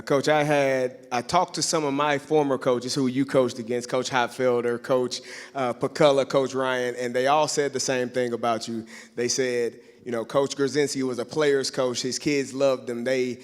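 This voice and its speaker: A man's voice: mid-range voice, level tone, moderate pace. Upbeat man interviewing on stage. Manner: upbeat, admiring questions. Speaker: interviewer at awards dinner. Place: large banquet hall. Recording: reverberant banquet hall.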